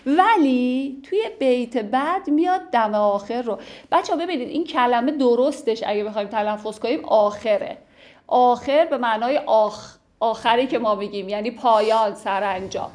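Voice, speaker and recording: A woman with a somewhat high voice teaches a class on classical poetry. She explains each verse patiently and slips in light jokes. She slows down to recite the lines. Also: darkish tone. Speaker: literature teacher.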